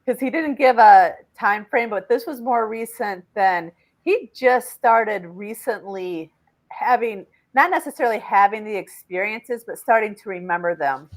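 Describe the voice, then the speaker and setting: A woman hosts a panel talk in an ordinary mid-range voice. She walks the others through each point at length, pausing on fillers as she goes. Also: medium pitch, low-quality recording. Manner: explanatory, with frequent fillers. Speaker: podcast host and regression facilitator. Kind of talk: panel discussion.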